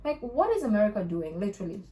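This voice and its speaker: A woman's voice: medium pitch, sing-song, fast talker, mellow, dull audio. A young woman from the Philippines hosting a reaction video, chatting casually and reacting with incredulous outbursts.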